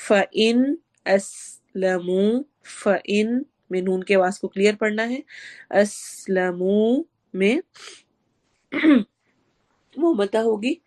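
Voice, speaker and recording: A woman with a slightly sore, hoarse throat teaching Quran recitation rules in an online class, explaining sounds step by step, asking her students questions and dropping English words into her speech. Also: mid-range voice, long pauses, darkish tone.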